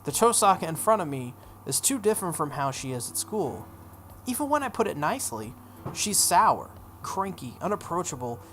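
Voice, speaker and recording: Someone hosting a video game playthrough reads a story aloud with flair, acting out the dialogue and breaking off for casual asides. The voice sits at medium pitch with a fairly bright tone.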